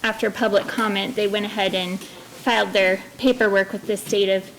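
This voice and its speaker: A woman's voice: mid-range voice, level tone, normal speed, fairly bright tone, slight background noise, rough recording. A woman giving a semi-formal public comment, hesitant, with frequent ums breaking up her phrases. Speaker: public commenter at a city council meeting.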